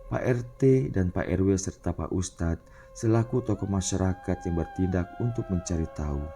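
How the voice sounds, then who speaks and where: A man telling a dramatic mystery story in an expressive narrating voice. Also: deep voice, normal speed. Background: faint background music.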